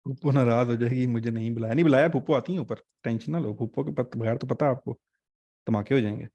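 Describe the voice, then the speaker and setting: A male teacher runs an online exam-prep class in a chatty, joking way. His voice sits at an ordinary middle pitch and is recorded dry and close on a desk mic, with no room sound. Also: fast talker, dark tone, dry recording, muffled recording. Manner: chatty, joking teacher mixing English terms.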